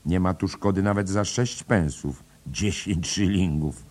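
A man voicing an anxious middle-aged man who talks urgently and persuasively to calm others. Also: deep voice, a little slow, voice pushed up.

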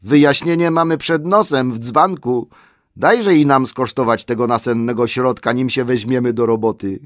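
A man voicing merry, impatient male elves in an audiobook, loud and mocking. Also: mid-range voice, moderate pace, dry recording, studio quality, voice pushed up, natural voice.

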